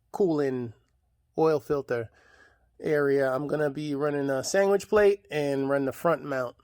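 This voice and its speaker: A man with a slightly higher-than-average voice walks through his engine project in a loose, rambling way. He talks casually to viewers in a garage vlog, full of fillers and restarts. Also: dry recording, clean studio sound. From New York. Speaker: hobby mechanic vlogger.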